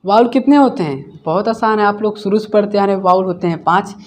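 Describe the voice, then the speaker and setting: A man teaching English grammar in a class, asking each question and then repeating the answer himself. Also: high voice. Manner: explains slowly, step by step. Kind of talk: classroom lesson.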